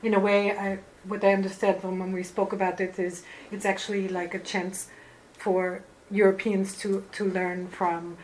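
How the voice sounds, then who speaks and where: A woman moderator introduces a speaker to a small audience in a loose, chatty way. She fills her pauses with "uh" and "um." Faint room noise carries under her voice. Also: medium pitch, level tone, darkish tone, low-quality recording. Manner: casual, with fillers. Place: community centre hall.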